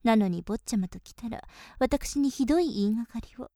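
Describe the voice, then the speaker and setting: Whispered role-play: young woman voicing a polite, teasing maid, slightly high, warm tone, dry close mic. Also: a little fast, no echo, close to an everyday voice. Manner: polite, softly teasing, with breathy giggles.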